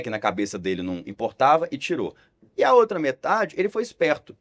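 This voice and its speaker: A man in his twenties from Brazil, a young politician talking as a podcast guest in a sarcastic, animated way. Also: mid-range voice. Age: 20s. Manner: animated, sarcastic, lively intonation. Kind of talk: casual podcast conversation.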